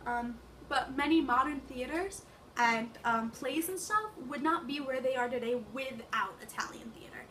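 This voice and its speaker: A woman's voice: sits high, lively intonation, moderate pace, pushed and bright, a little hiss or hum. A young woman giving a casual, hesitant class presentation, with many fillers. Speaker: student presenter.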